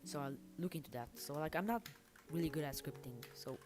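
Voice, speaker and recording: A hobby game developer chats casually on her livestream while she works, her low voice moving a little fast. She thinks aloud in an informal, self-deprecating way, with background music and keyboard typing audible behind her.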